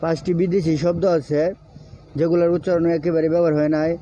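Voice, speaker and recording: A man's voice: a little high, little pitch movement, fast talker, mellow, dull audio. Man, patient pronunciation teacher, repeats each letter, faint background hiss. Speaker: language teacher. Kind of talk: slow letter-by-letter pronunciation lesson.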